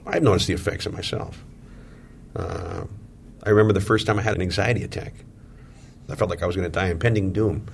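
A middle-aged man, a former gang member, giving slow, heavy, confessional testimony in an interview. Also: deep voice, fairly even intonation, gravelly, a little hiss or hum. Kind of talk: reflective personal testimony.

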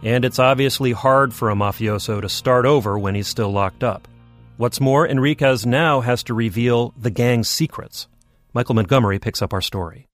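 A man hosting a radio documentary, reading scripted narration in a measured, even announcer delivery. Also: medium pitch, soft background music. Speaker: documentary host.

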